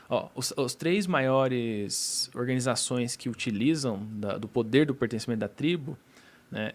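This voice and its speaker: A man's voice: medium pitch, gravelly. A man on a podcast panel, explaining ideas casually by listing them point by point into a studio mic. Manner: explains in enumerated lists.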